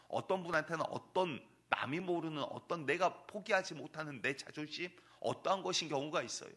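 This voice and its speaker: Male pastor, sermon, emphatic, rhetorical questions, bright forceful tone, church sanctuary. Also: fairly high pitch.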